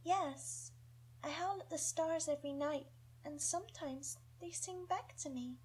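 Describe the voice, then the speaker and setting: A woman's voice: high voice, a little slow, darkish tone, voice pushed up, low-quality recording. A woman voicing an affectionate young female wolf pup with a sweet young voice. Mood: dreamy.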